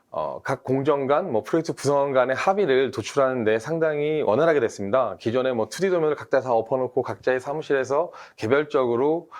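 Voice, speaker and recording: A team leader appearing as an industry expert guest on a webinar lays out his points methodically in a medium-pitched voice. He stays steady and explanatory, often pausing on small fillers as he works through each idea in a measured way.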